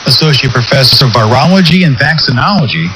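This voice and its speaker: Radio news guy interviewing, mid pitch voice, noticeable noise on the feed. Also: very animated, quick pace. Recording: noisy radio broadcast capture.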